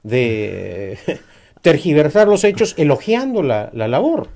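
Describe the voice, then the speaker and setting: A man's voice: on the high side, sing-song, slow, gravelly, darkish tone. A man, giving emphatic, critical political commentary in a discussion, with frequent "eh" fillers.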